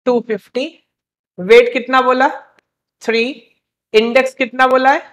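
In an extremely high, somewhat bright voice with a flat delivery, a young man leads a live class, tossing out quick questions and jokingly chiding students to motivate them.

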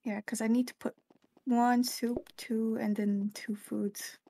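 Sick woman gamer, strained higher voice. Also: flat delivery, slow, vocal fry, mellow. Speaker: co-op player. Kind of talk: casual gameplay chat.

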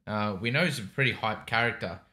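A man's voice: on the low side, a little fast, sharp tone. A young man chatting casually as a reaction host, in hesitant, rambling phrases. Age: young adult. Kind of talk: casual chat commentary. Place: small indoor home studio. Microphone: microphone on a desk boom arm.

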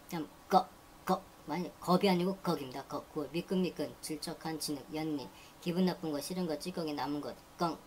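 Brisk vocabulary teacher, woman with a deep speaking voice, repeats each word, faint noise underneath. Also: a little mellow. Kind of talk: reading dictionary entries aloud.

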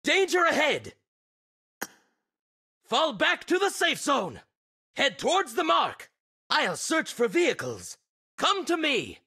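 An actor voicing Andy's kind of role: a cheeky, theatrical male puppeteer soldier in a video game, with a raspy voice. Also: very high-pitched, sharp tone, full character voice. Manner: theatrical, exclamatory. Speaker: video game character voice pack. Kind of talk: shouted battle royale game callouts.

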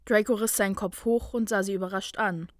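Woman calmly reading a story. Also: mid-range voice, fairly quick, no room sound, studio quality. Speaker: fanfiction reader.

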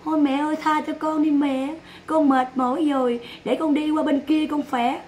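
A woman's voice: sits high, steady tone, moderate pace, darkish tone, slight background noise, close to an everyday voice. A woman mimicking a weary pleading son. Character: whining grown son begging his mother.

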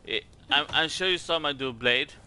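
A man's voice: a little high, moderate pace, sharp tone, slight background noise. A man from Sweden with a Swedish accent gives casual game commentary in a hesitant, rambling way, repeating words as he goes. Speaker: gaming video creator.

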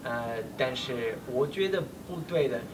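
Halting foreign man speaking Mandarin, distant and noisy. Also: mid-range voice, lively intonation. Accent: foreign, non-native Mandarin. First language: not Mandarin. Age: 20s. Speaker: learner of Chinese. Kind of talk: casual conversation in halting Mandarin. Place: small indoor room, seated on a sofa. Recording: distant mic, noisy room ambience.

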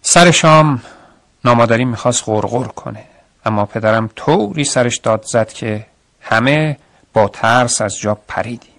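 A man's voice: mid-range voice, fairly bright tone, no room sound. A man narrating a radio story in the first person, reflective and earnest, on a studio mic.

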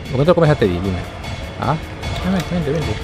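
A man's voice: a little high, big pitch swings, moderate pace, over music. Jumpy man yelping through game commentary. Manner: jumpy, yelps and repeats words when scared. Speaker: gaming YouTuber.

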